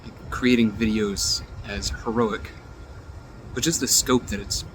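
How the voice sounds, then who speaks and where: A man's voice: on the low side, fairly even intonation. Man talking into a phone outdoors. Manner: halting, reflective, searching for words. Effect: recorded on a phone. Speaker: friend leaving a recorded message. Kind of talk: heartfelt personal message. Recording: phone recording outdoors with traffic noise.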